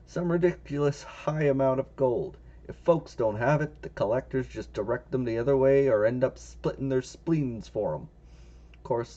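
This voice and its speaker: A man's voice: medium pitch, dark tone, muffled recording, natural voice. A man voicing a matter-of-fact, gossipy tavern keeper.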